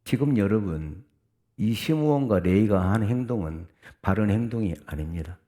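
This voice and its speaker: A middle-aged pastor gives a Sunday sermon in a low, dark, mellow voice, expressive and at a moderate pace. He moves from quiet, earnest explanation to sudden loud calls, occasionally pausing to read scripture aloud together with the congregation.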